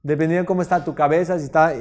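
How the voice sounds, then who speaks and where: Animated man lecturing a live seminar. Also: on the high side. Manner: animated, checks in with tag questions; deliberately raises and drops his voice. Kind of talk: live seminar talk on presenting. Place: stage before a live audience.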